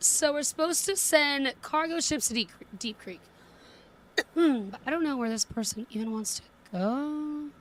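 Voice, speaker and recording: Higher-voiced woman playing a game aloud. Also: a little slow, low-quality recording. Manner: playful, reacting aloud to the game. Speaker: game streamer. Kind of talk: casual let's-play commentary, reading game dialogue aloud.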